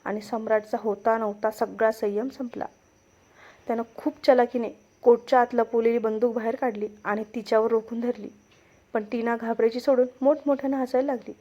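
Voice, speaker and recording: A woman reads her own romance story aloud with dramatic expression. Her voice sits slightly high. The recording is dull and lo-fi. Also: fairly even intonation, fairly quick. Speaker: story reader and writer.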